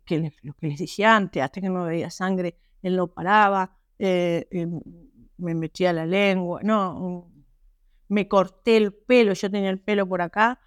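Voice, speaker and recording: Earnest Argentine woman, smooth voice. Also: mid-range voice, no echo, clean studio sound. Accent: Argentine Spanish. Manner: halting, earnest, frequent restarts and pauses. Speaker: guest, author. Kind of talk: personal testimony in a podcast interview.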